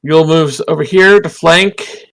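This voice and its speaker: Gravelly, higher-voiced man playing a game. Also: measured pace, fairly bright tone, poor audio. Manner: eager, joking, checks the rules. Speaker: player. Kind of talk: casual game chat.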